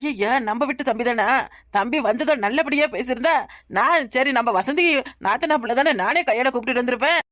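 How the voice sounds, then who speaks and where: A woman with a Tirunelveli Tamil accent voicing a cartoon village woman, talking quickly and lamenting. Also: sits high, a bit bright, no room sound, studio quality.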